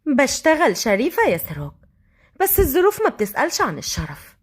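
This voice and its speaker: A woman voicing a defiant young tissue seller with an Egyptian accent, talking in a quick, sharp-tongued way. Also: sits high, wildly swooping pitch.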